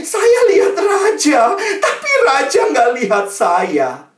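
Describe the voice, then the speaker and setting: A crying young schoolgirl, as a preacher puts her on, her voice pushed very high and choked with sobs. The sound comes from a distance, with the room's echo around it. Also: wildly swooping pitch, takes it slowly, full character voice. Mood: tearful. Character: young schoolgirl, sobbing and heartbroken.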